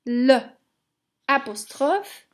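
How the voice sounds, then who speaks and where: A woman with a high voice teaches young children a homework lesson. She talks very slowly, with patient encouragement and plenty of repetition. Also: animated. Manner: slow, patient and encouraging, repeating words.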